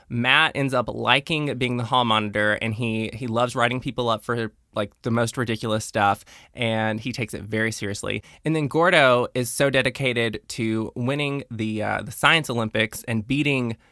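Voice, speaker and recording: A man's voice: medium pitch, moderate pace, hardly any pauses, bright, forceful tone, no room sound, studio quality. A young adult man hosting a podcast, chatting casually and retelling scenes with playful quoted lines. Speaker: podcast host.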